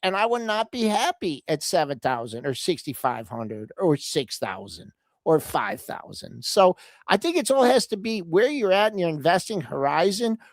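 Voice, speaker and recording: An older woman talking through the market with a measured, halting delivery. Her voice is fairly low but moves up and down freely. The recording is close and dry. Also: sing-song, no echo. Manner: measured, hesitant, full of fillers and restarts. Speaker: co-host of a market show. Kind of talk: casual market talk.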